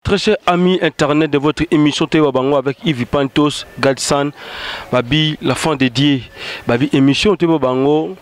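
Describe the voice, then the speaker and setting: A man hosting a TV interview show with a slightly high voice. He runs through thanks and introductions, slipping between French and Lingala. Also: normal speed, faint music behind. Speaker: TV show host.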